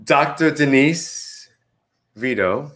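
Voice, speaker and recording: A man hosts his podcast in a slightly bright voice on the high side, speaking slowly. He keeps things casual and playfully hyped, frequently throwing in "right?" and "you know what I mean".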